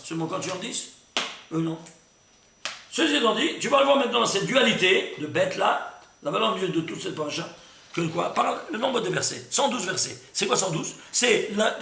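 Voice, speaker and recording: A man teaching a Torah lesson in an echoey room, his voice high and bright with a gravelly edge. He talks in an emphatic rush, stumbling over restarts and stopping to ask whether the class is following. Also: a little hiss or hum. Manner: lively and emphatic, full of restarts, asks "C'est clair?" often.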